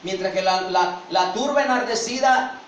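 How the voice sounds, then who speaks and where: A male pastor preaching a dramatic sermon, swinging from loud calls to hushed asides. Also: high-pitched, normal speed. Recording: very echoey, from a distant mic, faint noise.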